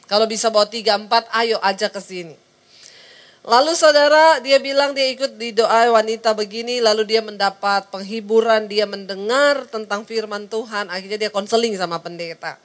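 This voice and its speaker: A woman's voice: mid-range voice, normal speed. A woman preaching a sermon, telling stories, acting out the people in them and calling the congregation to say amen. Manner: sings short hymn lines within the story; calls the congregation to answer amen.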